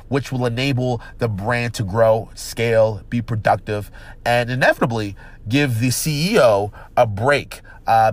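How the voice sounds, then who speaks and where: Nasal-voiced man giving work advice. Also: mid-range voice. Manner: earnest, repeats and restarts phrases. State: nasal, stuffed-up voice. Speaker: business executive vlogger. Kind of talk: casual direct-to-camera advice.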